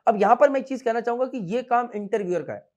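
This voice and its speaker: A man in his thirties teaching students in a classroom, mixing Hindi and English, switching between fast and slow, loud and soft speech. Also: extremely high pitch, animated, highs cut off. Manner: mixes Hindi and English freely, scolds playfully. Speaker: merchant navy coaching instructor. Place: classroom with students standing behind.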